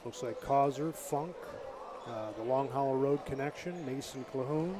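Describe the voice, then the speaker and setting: A man offers easygoing color commentary beside the play-by-play caller, speaking at an ordinary mid pitch. The steady noise of a school gym, with balls bouncing, runs beneath his voice. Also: moderate pace. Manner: relaxed, conversational analysis. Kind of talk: live sports commentary.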